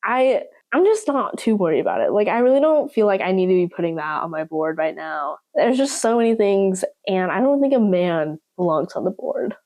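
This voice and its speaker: A young woman with a slight Southern lilt talks straight to her viewers in a loose, chatty way. Her voice sits in a medium pitch. She jokes at her own expense as she goes. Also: big pitch swings, normal speed, a little mellow. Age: young adult. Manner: chatty, playful, self-mocking. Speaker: vlogger. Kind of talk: casual chat to camera.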